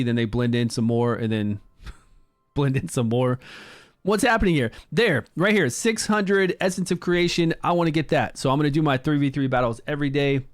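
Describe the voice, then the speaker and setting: A man casually commenting during a game livestream, chatting with viewers and greeting them by name. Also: medium pitch. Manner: upbeat, promotes the game.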